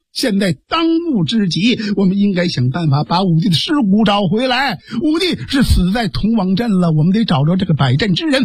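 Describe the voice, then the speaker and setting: Shrewd urgent male officer, played by a male storyteller, high husky voice, dry sound. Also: no room sound, full character voice. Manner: urgent, pleading, pitched up. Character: shrewd, fast-talking male sworn brother officer. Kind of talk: Chinese storytelling performance.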